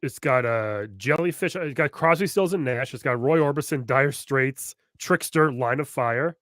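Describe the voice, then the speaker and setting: A man co-hosting a casual podcast, laughing a lot, swearing casually and throwing in quick asides while reading old magazine letters. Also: medium pitch, fairly bright tone, no room sound, clean studio sound. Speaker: podcast co-host.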